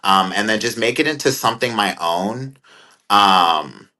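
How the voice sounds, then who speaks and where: Speaking unhurriedly as a guest on an interview, a content creator in his twenties rambles thoughtfully, leaning on many fillers. He has a lowish voice with lively intonation and a bright, forceful tone.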